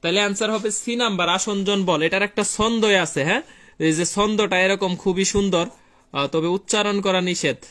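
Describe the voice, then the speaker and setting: High-pitched young man teaching physics. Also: fairly even intonation, brisk, fairly bright tone. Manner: repetitive, asks students questions and reads their answers; colloquial, chatty, tells classroom anecdotes. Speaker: physics tutor. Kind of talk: live online class.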